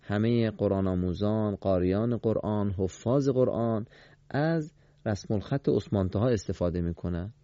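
A man teaching a Quran recitation lesson to a studio class on radio, quizzing the students and repeating their answers with emphatic pitch swings. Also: mellow, no echo, lo-fi sound.

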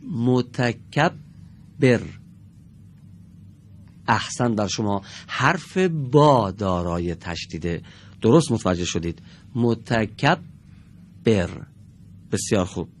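Man teaching a slow studio lesson. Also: lowish voice, a little hiss or hum. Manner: slow, deliberate, drawing out each example word; patient and encouraging with pupils. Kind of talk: televised classroom lesson.

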